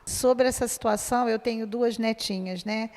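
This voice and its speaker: A woman's voice: a little high, fairly even intonation, moderate pace, a little mellow, big-room sound. A woman in her sixties telling a personal story in class, chatty, often adding tag questions. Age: 60s. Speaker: student.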